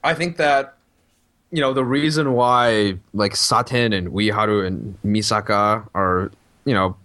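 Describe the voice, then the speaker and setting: A man's voice: fairly low pitch, fairly even intonation, a little slow, sharp tone. A young man co-hosting a casual anime podcast, blunt and profane, ranting about what he hates. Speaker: podcast co-host.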